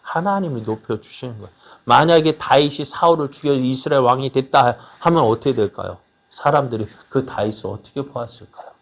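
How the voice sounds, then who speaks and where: A male pastor giving a sermon, repeatedly asking the congregation rhetorical questions and swinging between loud exclamations and quiet asides. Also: mid-range voice, breathy edge.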